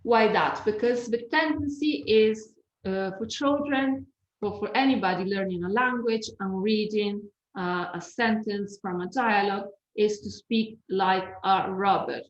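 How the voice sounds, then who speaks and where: Brief: woman trainer, unhurried delivery, roomy echo on a webinar call, lively and demonstrative. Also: medium pitch, dull audio. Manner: lively, demonstrative, sings and hums examples. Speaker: teacher trainer. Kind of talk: online teaching webinar.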